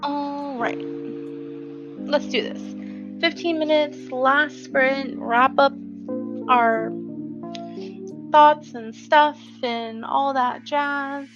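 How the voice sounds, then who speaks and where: Slow-talking woman chatting on a livestream. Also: high voice, steady tone, lo-fi sound, music in the background. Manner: rambling, giggly, with many fillers. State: sleepy, yawning. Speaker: livestream host. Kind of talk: casual livestream chat.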